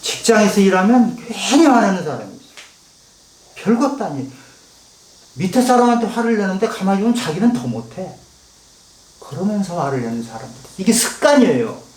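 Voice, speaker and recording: A man's voice: sits high, a little fast. A male pastor preaching a sermon, acting out heated prayers and asking the congregation questions. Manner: animated, acts out heated prayers to God. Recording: echoey room, voice from a distance.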